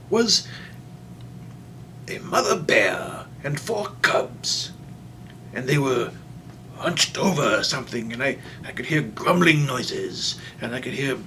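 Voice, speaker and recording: A storyteller and show host uses a mid-range, sharp-toned voice in a heavily acted turn as a doddering, folksy old man. He rambles, reminisces, and stammers through a comic storytime monologue in halting old-timer fashion, with slight background noise.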